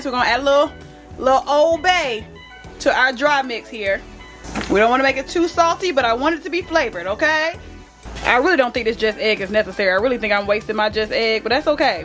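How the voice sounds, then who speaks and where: Woman vlogger, bright-pitched, chatty kitchen talk, faint music behind. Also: fast. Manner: chatty, talks straight to viewers as "y'all", with fillers. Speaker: cooking vlogger. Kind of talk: casual cooking vlog.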